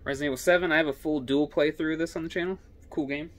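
A man's voice: fairly high pitch, steady tone. Casual young man chatting through games. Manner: chatty, offhand quick comments on each game. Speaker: gaming YouTuber. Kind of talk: casual collection walkthrough.

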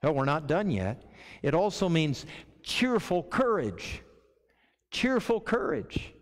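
Earnest middle-aged pastor in a reverberant church. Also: male voice, a little high, big pitch swings, takes it slowly. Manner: earnest, repeats words when starting a thought. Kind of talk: sermon. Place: church sanctuary. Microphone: lectern microphone.

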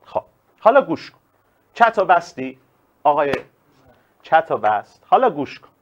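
A male teacher giving a live online class, animated and emphatic, calling on students by name. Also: on the high side, dull audio.

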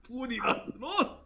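Hosting a prank video chat, a man talks casually in slang, teasing strangers in a low, conspiratorial way.

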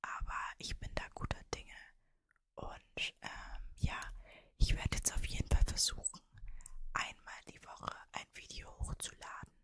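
Young German woman in a soft ASMR whisper. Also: unhurried. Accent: Mannheim German. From Mannheim, Germany. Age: early twenties, 23. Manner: soft whisper close to the microphone. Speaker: ASMR creator and streamer. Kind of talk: whispered ASMR, casual personal chat. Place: cosy bedroom, indoors. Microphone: desktop microphone, very close.

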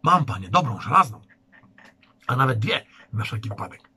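A man's voice: medium pitch, sing-song, normal speed, sharp tone, a little hiss or hum. A man reading the part of an eager, boastful young village shoemaker.

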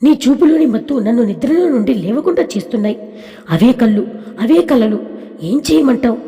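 A woman voicing a scheming young man who pursues a girl with smooth, boastful talk, in a storybook reading. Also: very high voice, lively intonation, brisk, mellow. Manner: coaxing, boastful. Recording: long hall reverb.

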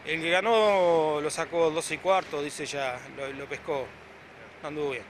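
With a fairly high voice and a measured pace, a man in his forties speaks Argentine-accented Spanish in a casual on-camera interview. He's a club president and event organizer standing outdoors near a beach before some hedges, chatty and prone to "eh" fillers and restarts. A handheld mic is held close under his chin, with outdoor noise clearly audible.

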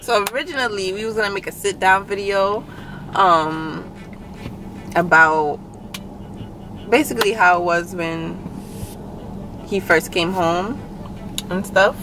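A woman's voice: medium pitch, slow pace, pauses often, noisy background. Chatty young woman vlogging from a car. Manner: chatty, rambling, laughing often. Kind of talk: casual chat. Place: parked car at a drive-in.

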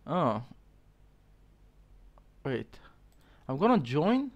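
A young man talks slowly and unhurriedly on a headset mic, his voice sitting a little high for a man. He reads and reacts in a casual stream, stumbling over words, filling pauses with "uh" and small laughs. The sound is a small, dim room indoors. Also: sing-song, highs cut off. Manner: reads aloud haltingly with many fillers and chuckles. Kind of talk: casual live-stream commentary.

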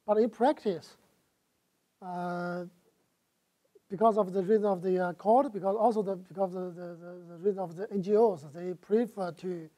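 A middle-aged guest lecturer from China answers audience questions in a lecture hall through a lapel mic, his Chinese-accented speech halting, full of "uh" fillers and restarts. His voice is high-pitched and warm with a steady tone.

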